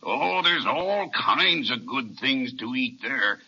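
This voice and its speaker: An actor playing a huge, kindly giant in the folksy, reassuring style of an old children's radio serial. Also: male voice, medium pitch, lively intonation, slow pace, pushed and bright, husky, heavily acted. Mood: helpful. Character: huge, gentle, kindly, weak-eyed giant. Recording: dull, band-limited vintage radio recording.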